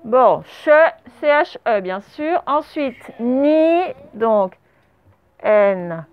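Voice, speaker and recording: High-voiced woman teacher dictating slowly. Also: animated, smooth. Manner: slow, syllable-by-syllable dictation, spelling letters aloud; speaking through a face mask. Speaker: primary school teacher. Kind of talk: spelling dictation lesson. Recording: narrow phone-like sound. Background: traffic noise through open doors.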